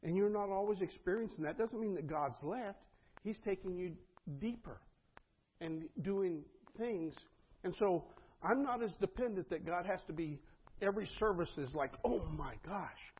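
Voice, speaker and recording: A man's voice: sits high, lively intonation, normal speed, breathy edge, dull audio. A man preaching a sermon as pastor, earnest and conversational, often turning to the congregation with asides.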